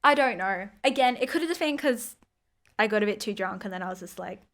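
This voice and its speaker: A woman's voice: medium pitch, expressive, fairly quick, fairly bright tone. A young woman co-hosts a casual podcast. She tells stories in a loose, rambling way, packed with fillers and offhand swearing. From Australia. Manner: chatty storytelling with lots of fillers and swearing. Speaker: podcast co-host. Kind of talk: casual chat.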